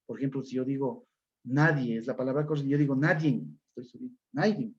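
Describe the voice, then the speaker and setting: A man's voice: fairly high pitch, a little mellow, dull audio. A male teacher giving an online class lecture, explaining with examples and checking in with "¿no es cierto?".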